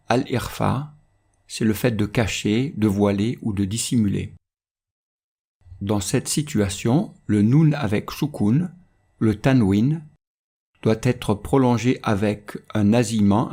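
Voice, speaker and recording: A man teaching Quran recitation rules in a calm, measured instructional voice-over. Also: on the low side, breathy edge.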